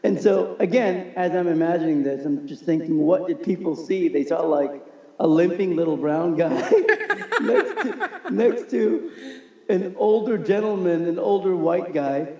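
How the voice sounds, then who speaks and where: A man tells stories as a guest in casual conversation, animated and quick to laugh. His voice is gravelly, slightly high and dark in tone. The recording sounds echoey and muffled. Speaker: podcast guest. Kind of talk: casual storytelling.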